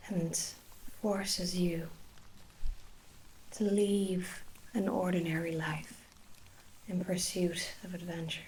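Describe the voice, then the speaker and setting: A woman with an Irish accent in a soft ASMR role-play, playing a gentle, attentive hair sorcerer with old-fashioned storybook phrasing. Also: on the low side, little pitch movement, takes it slowly, long pauses, slight background noise, poor audio. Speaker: ASMR performer.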